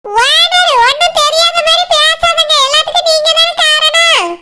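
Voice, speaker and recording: A woman voicing a scheming, gossipy village fish seller in a cartoon, with a Kanyakumari Tamil accent and a shrill, nasal, accusing manner. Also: steady tone, moderate pace, very noisy. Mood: sly accusing.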